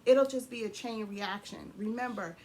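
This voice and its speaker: A woman co-hosting a casual couple's chat, hoarse from losing her voice, talking freely and clearing her throat. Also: a little high, moderate pace, a little mellow, slight background noise. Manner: chatty, laughs often, clears throat. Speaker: co-host of a couple's channel.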